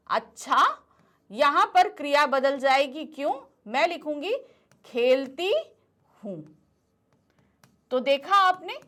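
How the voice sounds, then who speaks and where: A woman's voice: sits high, a bit bright. A woman teaching a grammar lesson. She asks questions and answers them herself, and she checks in often to make sure her students follow.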